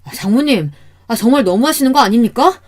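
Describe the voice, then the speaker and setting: A woman's voice: medium pitch, expressive, normal speed, warm tone, breathy edge. A woman voicing an exasperated middle-aged son-in-law in a radio story, sighing and pleading as he complains.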